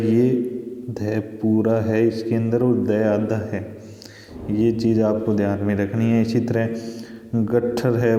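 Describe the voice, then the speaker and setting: A man's voice: on the low side, warm tone. A man teaching a school grammar lesson, explaining patiently and checking in with his students as he goes. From India. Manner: patient, explanatory, repeats points, checks with "ठीक है". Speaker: Hindi teacher. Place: school classroom. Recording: echoey room with long reverb.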